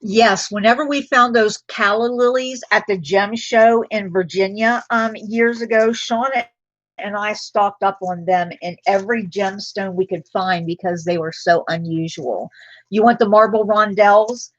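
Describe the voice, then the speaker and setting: Slow, chatty woman hosting a live sale. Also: mid-range voice, steady tone, dry recording, dull audio. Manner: chatty, drifts into personal stories between items. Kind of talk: casual live-stream selling chat.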